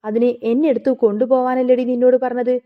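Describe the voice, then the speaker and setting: A woman's voice: fairly high pitch, little pitch movement, quick pace, close to an everyday voice. A woman voicing a proud, bedridden middle-aged mother who scolds sharply. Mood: scolding. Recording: phone-like narrow sound.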